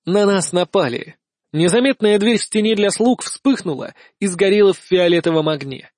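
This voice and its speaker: A man narrating a first-person audiobook in a lively, ironic storytelling manner. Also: high-pitched, moderate pace, no echo, studio quality.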